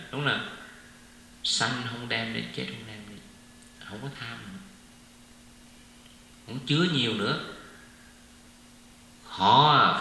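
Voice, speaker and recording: Man, informal dharma talk, very bright forceful voice, long hall reverb with faint hum. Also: medium pitch. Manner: chatty, keeps asking "right?" of listeners, drops in English words. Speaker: Buddhist dharma speaker.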